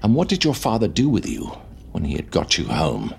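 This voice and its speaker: A woman voicing a commanding older male wizard in a storybook, soft-spoken, measured and calm as he questions. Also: a bass voice, vocal fry, a little hiss or hum, voice pushed down, exaggerated voice. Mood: calm, probing.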